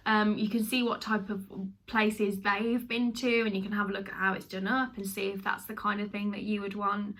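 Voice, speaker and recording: A woman's voice: medium pitch, flat delivery, normal speed, a bit bright. A young woman from the UK chatting casually to camera as a vlogger, laughing often and using many fillers.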